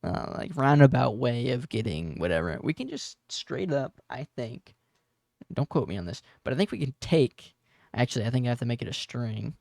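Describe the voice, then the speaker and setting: A man's voice: mid-range voice, expressive, normal speed, vocal fry, darkish tone, dry recording. A man of twenty talking through his game code in a casual, rambling way, full of fillers and self-corrections. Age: 20s. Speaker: game dev tutorial host. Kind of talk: casual coding tutorial with storytelling.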